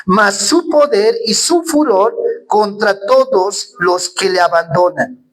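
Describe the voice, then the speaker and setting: A man's voice: high-pitched, expressive, slow, poor audio. A man preaching a sermon in a church. He speaks earnestly, asks rhetorical questions and keeps turning to the congregation as brothers.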